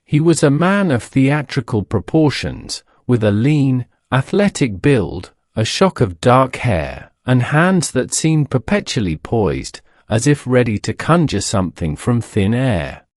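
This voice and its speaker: A man narrating a detective story in a measured, scripted storytelling manner. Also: medium pitch, big pitch swings, darkish tone, dry recording, studio quality.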